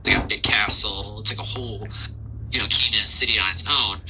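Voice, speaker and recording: A man's voice: fairly low pitch, fairly even intonation, brisk, sharp tone, slight background noise, rough recording. A man narrating a tabletop game as game master in a casual, informal, conversational way. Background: music.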